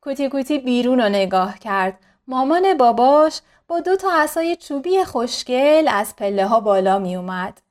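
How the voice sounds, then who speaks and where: Brief: gentle woman narrator for a children's bedtime story, soothing, slow, slightly high voice. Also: big pitch swings.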